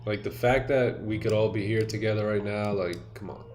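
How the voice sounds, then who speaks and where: A man hosting a live trading stream in casual chat, relaxed and slangy, greeting viewers by name. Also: fairly low pitch, a little fast, faint music behind. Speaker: livestream host and day trader.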